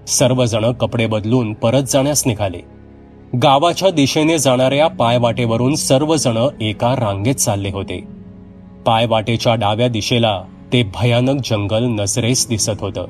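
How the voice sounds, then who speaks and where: Man, horror storyteller, steady read, faint music underneath. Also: medium pitch. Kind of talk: scripted horror story narration.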